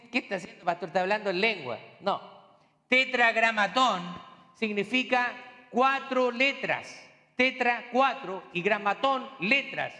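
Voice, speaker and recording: A man's voice: very high voice, bright, forceful tone, in a large hall. A man preaching a sermon as pastor, explaining in a teaching tone with rhetorical questions and homely asides.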